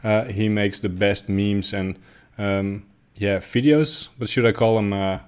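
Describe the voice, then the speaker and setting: A man's voice: lowish voice, steady tone, unhurried, clean tone. A man hosting a casual interview, asking questions with lots of hesitations and fillers. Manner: hesitant, many fillers and restarts, laughs along. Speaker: host.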